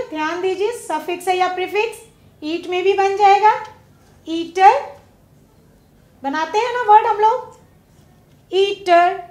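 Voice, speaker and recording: A woman teacher giving a classroom lesson, drawing out words slowly and putting questions to her pupils. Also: very high-pitched, echoey room. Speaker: English teacher. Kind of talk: classroom lesson on prefixes and suffixes. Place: broadcast studio classroom.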